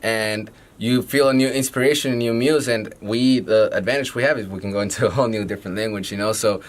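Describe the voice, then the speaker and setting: A man from Mexico, a bass player talking eagerly in a radio interview. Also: steady tone, fast talker. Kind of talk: casual interview chat.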